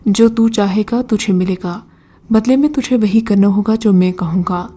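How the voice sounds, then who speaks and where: A woman's voice: medium pitch, warm tone, natural voice. A woman voicing a mocking old male jinn who gives scornful, brusque commands in a storybook reading.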